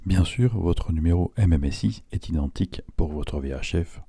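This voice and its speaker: A man's voice: low voice, moderate pace, creaky, warm tone, slightly rough. A man reading a scripted instructional narration in a didactic, step-by-step way, as an instructor would.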